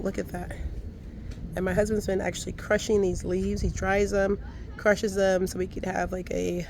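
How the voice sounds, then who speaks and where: A woman hosting a casual tour of her home garden outdoors, her voice raspy from a cold, upbeat and thankful as she points things out. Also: medium pitch, noisy background. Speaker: gardening vlogger.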